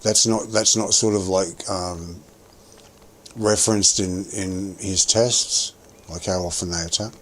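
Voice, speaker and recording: A man's voice: low voice, steady tone, takes it slowly, fairly bright tone, a little hiss or hum. A man streaming a game and chatting casually, thinking aloud with lots of restarts while chewing gum. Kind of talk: casual gameplay commentary.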